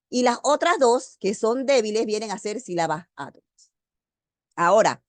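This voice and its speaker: Brief: woman teacher, steady mid voice, slow deliberate lecture, dry video-call sound. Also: medium pitch, no room sound. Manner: slow, deliberate, stresses key words. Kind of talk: online grammar lecture.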